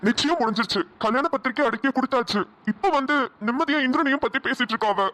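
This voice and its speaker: A stern middle-aged cartoon father with a Kongu Tamil accent, voiced by a woman. He speaks gruffly, with a slightly raised pitch, as he defends his temper or pleads for forgiveness. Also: very fast, fairly bright tone, no room sound. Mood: defensive. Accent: Kongu Tamil (Namakkal). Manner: gruff, then remorseful and pleading. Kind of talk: cartoon voice acting.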